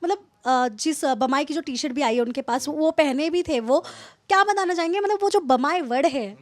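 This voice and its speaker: A woman interviewer asks long, winding questions and pads them with fillers. Her voice is high and bright. She is recorded close and dry, with no room echo. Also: normal speed.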